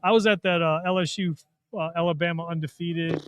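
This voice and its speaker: Co-hosting a live reaction to the basketball draft from an arena media room, a sports columnist offers opinions and jokey stories with plenty of banter. His voice is a little high and a bit bright, brisk and fairly even in intonation, with a little hiss or hum in the recording.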